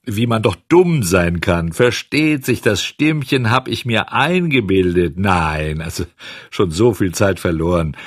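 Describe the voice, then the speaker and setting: A man voicing a jittery, blustering old village carpenter in a storybook reading, loud and exclaiming. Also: fairly low pitch, animated, unhurried, no echo, clean studio sound.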